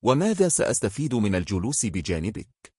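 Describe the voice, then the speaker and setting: A man's voice: on the low side, big pitch swings, brisk, dark tone, breathy edge, no room sound. A man voicing a desperate young husband bent on revenge in a storybook horror tale, pleading and defiant.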